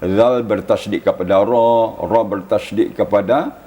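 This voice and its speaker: Male Quran teacher, deep low voice, mellow tone, slow drawn-out demonstrations, faint studio hiss. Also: fairly even intonation. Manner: patient, slow demonstrations with drawn-out chanted words. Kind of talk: explaining Quran recitation rules on TV. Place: television studio.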